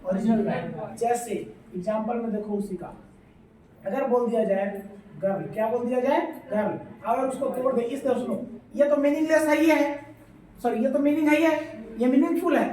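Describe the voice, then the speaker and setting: A woman's voice: a little high, moderate pace, mellow. A woman teaching a classroom grammar lesson, mixing Hindi and English, asking her class questions and repeating the answers. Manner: mixes Hindi and English phrases; scolds noisy students. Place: classroom with students. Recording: echoey room, voice from far off.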